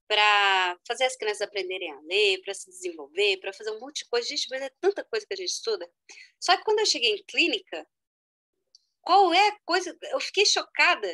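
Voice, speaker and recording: A middle-aged woman lecturing online with a bright, fairly high voice. She explains step by step, speaks straight to her listeners and now and then jumps up in pitch for emphasis. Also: poor audio. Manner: explanatory, addresses the audience as "gente", lively with sudden high exclamations. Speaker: educational psychologist giving a talk.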